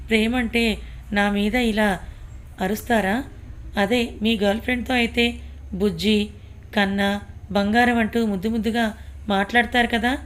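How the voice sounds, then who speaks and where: A woman's voice: medium pitch, natural voice. A woman voicing a tipsy, childish, clingy young woman who whines and pouts. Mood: sulky. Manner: whiny and pouting.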